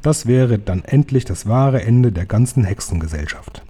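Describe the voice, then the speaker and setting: A man voicing a spirited, excitable old grandmother who speaks with emphatic exclamations. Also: medium pitch, moderate pace, slightly rough. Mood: triumphant.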